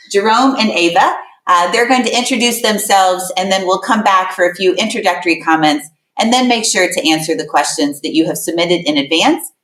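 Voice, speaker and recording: The mic sits at a distance and catches a roomy echo as a middle-aged woman hosts an admissions webinar from a room with a laptop. Her voice is fairly low and fairly bright, and her welcome is emphatic, with words repeated for effect.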